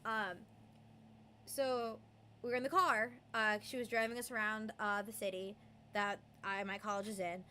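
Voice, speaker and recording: Chatting casually on a live stream, a young adult gamer rambles along with plenty of "um" and "like," slipping into playful voices and mimicry. The mid-range voice is delivered flatly at normal speed, sounding bright and forceful over a faint hiss or hum.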